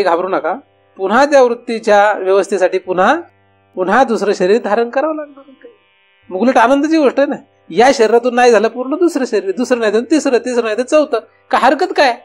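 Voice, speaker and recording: A man with a Marathi accent giving a devotional discourse as a spiritual teacher, talking conversationally and putting rhetorical questions to his listeners. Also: high voice. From India.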